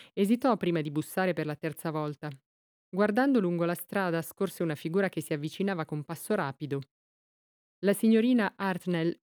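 Smooth low-voiced woman reading a mystery. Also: a little mellow, no room sound, studio quality. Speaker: audiobook narrator. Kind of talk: scripted narration of a mystery novel.

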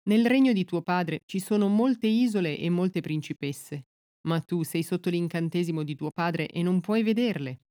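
A woman reading the lines of a suave magician in evening dress in a fairy tale, in a smooth, assured way. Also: fairly low pitch, moderate pace, dark tone, dry recording, studio quality, lightly acted.

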